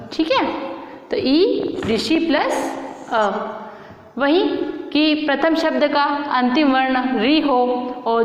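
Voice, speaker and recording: High-voiced woman teaching in an echoey room. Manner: repeats questions and answers them herself. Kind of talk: classroom grammar lesson. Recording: very echoey room, dull lo-fi sound.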